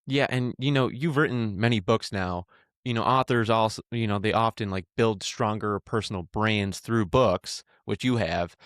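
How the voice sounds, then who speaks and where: A man's voice: fairly low pitch, normal speed, a bit bright, no echo, studio quality. Friendly man hosting a podcast. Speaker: podcast host. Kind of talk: podcast interview.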